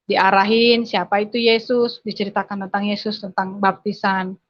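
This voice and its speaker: A woman's voice: mid-range voice, flat delivery, normal speed. Woman giving an emotional dramatic testimony. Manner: dramatic storyteller, addresses listeners directly. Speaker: speaker giving a religious testimony. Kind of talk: personal conversion testimony to an audience. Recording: dry, slightly dull recording.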